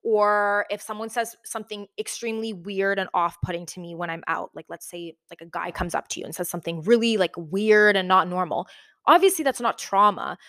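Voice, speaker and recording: A woman talks casually to camera in a big, sparsely furnished room, and her voice echoes off the bare walls. She speaks at a middling pitch and keeps it chatty, with plenty of fillers and quick self-corrections. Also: a bit bright. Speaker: video host. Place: large, half-furnished room. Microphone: new microphone.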